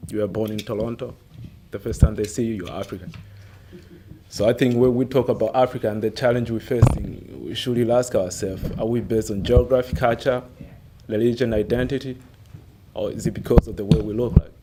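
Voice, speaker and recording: A man's voice: medium pitch, fairly even intonation, a little fast. A man from Tanzania asking a question from the floor at a panel, thoughtful and searching, with frequent fillers. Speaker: audience member asking a question. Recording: noisy room recording.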